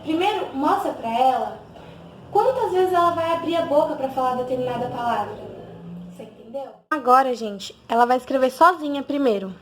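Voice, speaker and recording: High-voiced teacher sounding out letters. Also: female voice, lively intonation, a little hiss or hum. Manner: patient, sounds out letters slowly and clearly. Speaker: literacy teacher. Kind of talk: instructional video for parents.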